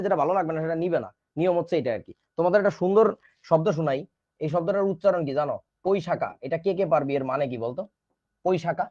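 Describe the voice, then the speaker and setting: A man's voice: high voice, a little mellow, lo-fi sound. A man with a Bangladeshi Bengali accent teaching a casual online chemistry class, chatty and teasing, playfully scolding his students.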